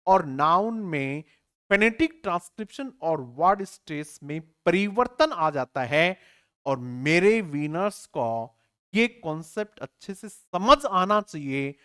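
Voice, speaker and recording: A male English teacher leads an online exam-prep lesson. He keeps firing questions at his students and answering them himself. He spells words out slowly, letter by letter, and often checks that everyone has understood. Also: on the high side, sing-song, a bit bright, clear, resonant tone.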